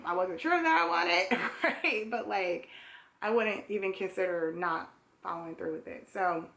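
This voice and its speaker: A woman's voice: medium pitch, sharp tone. A young woman vlogger casually telling a personal story to camera, chatty, with many fillers and small laughs.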